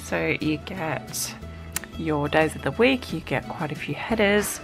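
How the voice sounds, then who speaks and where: Over music, a vlogger casually unboxes a stationery subscription box, cooing at its tiny contents. Her low-pitched voice is expressive and a little slow, with vocal fry and a slight nasal quality from a cold.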